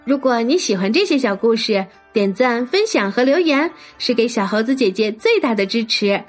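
A woman telling a traditional folk tale as a children's storyteller, in an expressive, lively way. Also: a little high, normal speed, faint music behind. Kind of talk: storybook narration.

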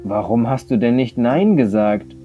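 A man voicing a leading young letter who gives brisk, encouraging instructions. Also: medium pitch, expressive, warm tone, soft background music, pitched above the performer's own voice, close to an everyday voice. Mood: puzzled. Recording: slightly dull lo-fi recording.

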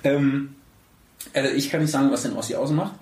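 In an echoey room, away from the mic, a podcast host with a medium-pitched voice talks briskly. He sounds casual and animated, hammering his points home with blunt, colloquial phrasing.

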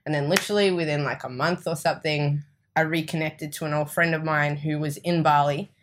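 A woman's voice: sits low, steady tone, fairly quick. A woman with an Australian accent, a guest on a podcast, talking in a reflective way with easy laughter. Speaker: guest, energy and mindset coach. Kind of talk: casual podcast interview. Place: indoor room.

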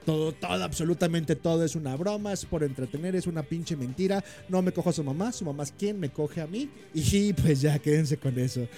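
Mexican male host, high voice, profane teasing banter. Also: a little fast, hardly any pauses, warm tone, faint music behind. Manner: profane, teasing, says "güey" constantly. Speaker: radio show host. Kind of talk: crude joking chat.

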